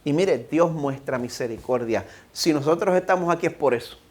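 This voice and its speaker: Pastor puertorriqueño de voz algo aguda. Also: male voice, fairly high pitch, a little mellow. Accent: Puerto Rican Spanish. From Puerto Rico. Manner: reads scripture slowly and emphatically, then exhorts the congregation directly. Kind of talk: sermon. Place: church sanctuary.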